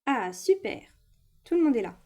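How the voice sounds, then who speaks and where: A woman's voice: a little high, very animated, moderate pace, a little mellow. A woman doing an upbeat stumbling riding instructor. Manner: upbeat, stumbling over words. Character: chatty female riding instructor. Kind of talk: toy play-acting story.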